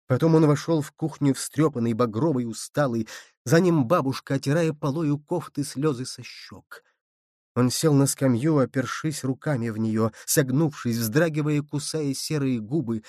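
A man narrating a literary story in a steady, measured reading voice. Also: fairly high pitch, dry recording, clean studio sound.

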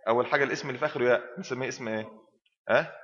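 A man's voice: mid-range voice, rapid-fire, fairly bright tone. A man with an Egyptian accent, a sheikh giving a classroom lesson, constantly asking his students questions and completing the answers himself. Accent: Egyptian Arabic. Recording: reverberant hall, dull lo-fi sound.

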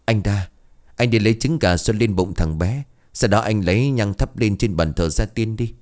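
Man voicing a calm old ghost-hunter. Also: on the low side, normal speed, natural voice. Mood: assured.

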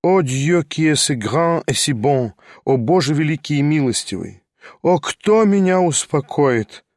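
A man voicing an emotional, wavering older gentleman with gray hair, who speaks in hushed, faltering phrases in a storybook reading. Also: a little high, lively intonation, measured pace, no echo, studio quality. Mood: fervent.

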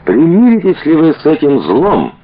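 Man voicing a fiery male rally orator, rousing rhetorical questions, husky, swooping intonation. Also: fairly high pitch, huge pitch swings, normal speed, no echo, pitched above the performer's own voice. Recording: dull lo-fi audiobook recording.

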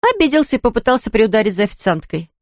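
A brisk, scornful young woman, voiced by a woman narrator rattles off gossip in a bright raised voice. The audiobook sound is dry and close, with no room around it. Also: a little high, sing-song, no room sound, voice pushed up. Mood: chatty, scornful. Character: lively outspoken young woman friend, sharp-tongued gossip.

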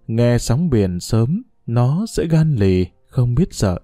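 A man narrating a story in an expressive reading voice with faint background music. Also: mid-range voice, slow pace, no room sound, clean studio sound. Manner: expressive reading with lively intonation.

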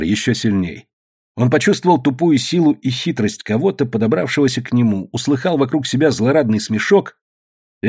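A man's voice: medium pitch, darkish tone, breathy edge. A man narrating an audiobook expressively, with dramatic delivery. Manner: dramatic, acts out voices.

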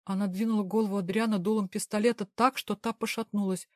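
A woman narrates a first-person audiobook with tense, emotional delivery. Her voice sits at a middle pitch. The recording is dry and close, with no room sound. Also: steady tone, quick pace, no room sound.

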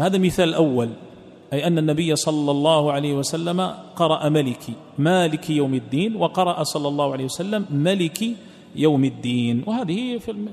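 A man teaching a text line by line, repeating phrases and trailing off into a low murmur at the ends of sentences. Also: vocal fry, darkish tone. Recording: long hall reverb.

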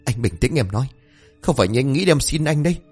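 Pleading young wife, high and frightened, put on by a man. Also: expressive, quick pace, a little mellow, breathy edge, soft background music.

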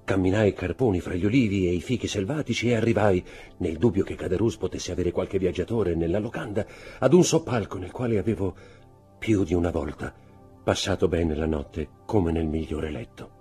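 A man giving expressive, theatrical audiobook narration in a measured way. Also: deep voice, husky, faint music behind. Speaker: audiobook reader.

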